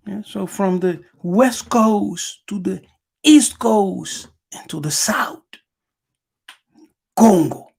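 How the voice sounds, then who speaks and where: A man's voice: sits high, extremely slow, creaky, a little mellow, breathy edge. A man from Angola hosting a lecture, reading passages aloud and commenting on them. He talks emphatically, repeating words and often adding "yes". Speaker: channel host.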